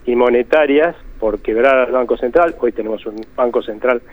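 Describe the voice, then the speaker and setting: A man's voice: medium pitch, moderate pace. Argentine guy talking econ over the phone, emphatic, keeps rephrasing, thin tinny sound. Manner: emphatic, explanatory, with many rephrasings. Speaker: economist guest. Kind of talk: interview answers.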